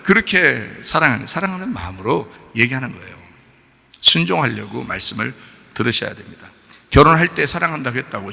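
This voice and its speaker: A male pastor preaching a sermon, firing sharp questions at the congregation and switching between loud rebuke and quiet explanation. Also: mid-range voice, creaky, long reverb tail. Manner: exhorting, swings from shouted rebukes to soft explanation; addresses listeners directly with sharp questions. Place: church sanctuary.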